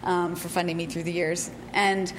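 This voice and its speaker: A woman's voice: lowish voice, level tone, normal speed, slight background noise, low-quality recording. A woman researcher giving a scientific presentation to an audience. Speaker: researcher presenting her work.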